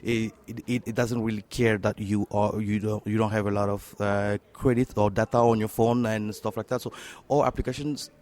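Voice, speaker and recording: Low-voiced French-accented Congolese man. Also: fairly even intonation, darkish tone. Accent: French-speaking Congolese. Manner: halting, frequent uh fillers and restarts. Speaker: startup co-founder guest. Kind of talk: interview answers.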